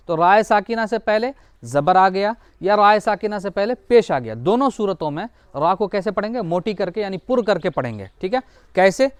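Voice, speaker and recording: High-voiced man teaching Quran reading. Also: no room sound. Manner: explains slowly, repeats examples, asks and answers his own questions; drawls out example words slowly to model pronunciation. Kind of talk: classroom lesson.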